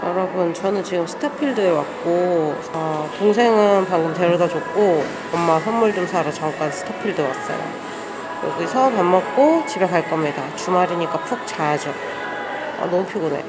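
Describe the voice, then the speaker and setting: A woman's voice: fairly low pitch, moderate pace, loud music behind the voice, rough recording. A young woman talking to viewers through a face mask as she vlogs in a busy shopping mall. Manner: chatty, talks to viewers. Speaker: vlogger. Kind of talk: casual vlog narration. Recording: loud crowd and background noise.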